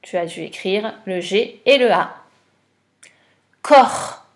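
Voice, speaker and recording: A woman's voice: medium pitch, normal speed. A woman teacher giving a patient dictation lesson for a child, spelling letters and syllables one by one.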